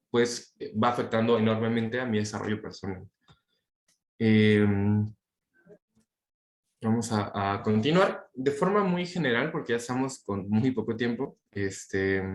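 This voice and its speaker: A young man lectures a class in an informal, talkative way, often stopping on fillers and tag questions. His voice sits in a middle register. The sound carries noticeable room echo. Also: mid-range voice. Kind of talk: university talk on inclusive language.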